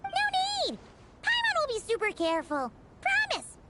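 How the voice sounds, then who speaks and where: A woman voicing a tiny, eager, naive childlike companion creature in a video game, with a squeaky voice. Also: wildly swooping pitch, moderate pace, noisy background, heavily acted. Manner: speaks of herself in third person, hesitant then boastful.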